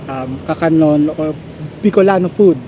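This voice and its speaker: A man's voice: measured pace, muffled recording. A Filipino man co-hosting a casual mukbang chat with short questions. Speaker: co-host asking questions. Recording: clearly noisy, rumbly street background.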